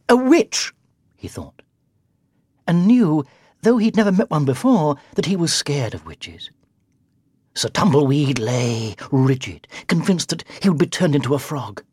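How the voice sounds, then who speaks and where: Husky, lively storybook narrator. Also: mid-range voice, no room sound, studio quality. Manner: expressive, shifting to whispers for effect.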